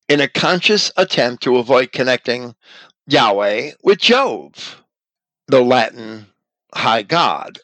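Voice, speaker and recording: A man giving a measured, deliberate lecture on scripture and language, now and then pausing to correct himself. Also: medium pitch, fairly bright tone, dry recording, rough recording.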